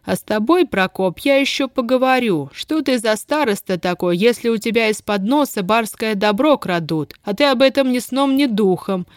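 A woman's voice: a little high, animated, normal speed, few pauses, dry recording, studio quality, voice pushed up, close to an everyday voice. A woman voicing a cruel, imperious female estate manager in an audiobook, contemptuous and barking orders in a thin, cutting voice. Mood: imperious, scornful. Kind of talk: audiobook character voice.

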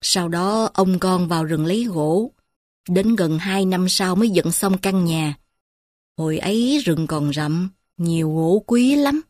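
A woman voicing a poor, grieving old village grandmother who murmurs softly and slowly to her granddaughter. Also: fairly low pitch, dry recording, studio quality, close to an everyday voice. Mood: tender, sorrowful. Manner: soft, slow confiding murmur.

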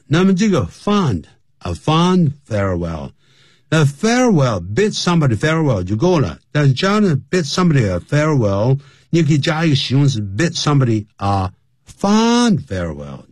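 A man's voice: medium pitch, darkish tone, breathy edge, no echo, studio quality. A man teaching English phrases in a radio lesson, explaining each one and spelling words out letter by letter.

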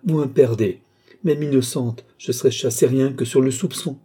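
A man reading aloud gives voice to a flustered, cunning young maid who pleads and protests. The tone stays dark and husky, hardly changed from his own reading voice. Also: mid-range voice, normal speed, voice pushed up, close to an everyday voice. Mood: pleading, protesting. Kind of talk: audiobook reading.

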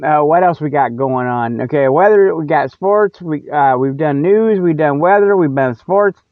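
The host of a humorous mock news show, a man whose voice leans high, rambles along at normal speed in a casual, colloquial, folksy and jokey way. It is captured dry with no echo, through narrow, phone-like audio.

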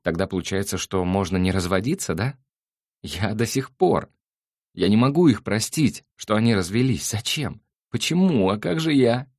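A man's voice: fairly quick, dry recording, clean studio sound, natural voice. Man voicing impulsive hurt young woman. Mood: tearful, pleading. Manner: raised pitch, pleading and emotional.

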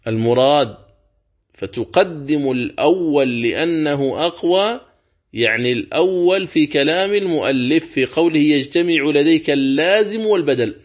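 Slow, deliberate male Quran teacher. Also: mid-range voice, dull audio. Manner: slow, deliberate, repeats key words, draws out examples. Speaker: sheikh teaching Quran recitation rules. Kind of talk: religious lesson, explaining and repeating.

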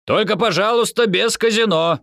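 A strong, carefree man calling out teasing orders, as an audiobook reader voices him, pitched strikingly high and lively. The delivery is loud and bossy in a close, dry recording. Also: a little fast, no room sound, full character voice. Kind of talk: audiobook character voice.

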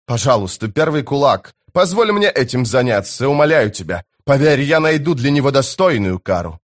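A man's voice: mid-range voice, very animated. A man voicing a sly, scheming male priest who draws out his words and hisses accusations, in an audiobook. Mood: persuasive. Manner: hissing, drawn-out accusations.

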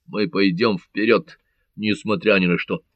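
A commanding pirate captain, as a male audiobook reader voices him, low-pitched and curt. He gives short orders with little patience. The recording is dry and close. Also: steady tone, measured pace, no room sound, lo-fi sound, lightly acted.

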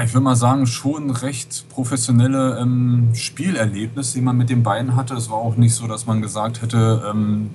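A man's voice: medium pitch, dark tone. A man, a podcast guest talking casually and rambling with many fillers over a Skype call. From West Berlin. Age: 40s. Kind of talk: casual interview. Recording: noisy Skype line.

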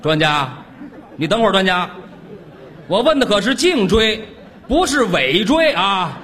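Exasperated man, wildly lively pitch. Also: a little hiss or hum. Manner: exasperated, heckling, quick retorts. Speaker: comic performer. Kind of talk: crosstalk comedy sketch.

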